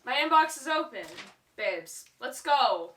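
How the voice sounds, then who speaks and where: A woman's voice: high-pitched, big pitch swings, unhurried, a bit bright. A woman co-hosting a podcast in casual chat, joking and laughing often. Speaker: podcast co-host. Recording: echoey room, mic far off, faint noise.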